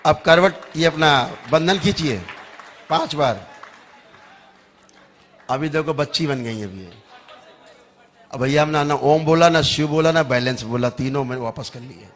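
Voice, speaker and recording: A man acting as a spiritual healer who leads a public healing session, chanting softly and making wry jokes. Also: a little high, measured pace, long pauses, some chatter behind. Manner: soothing, chanting, wryly joking.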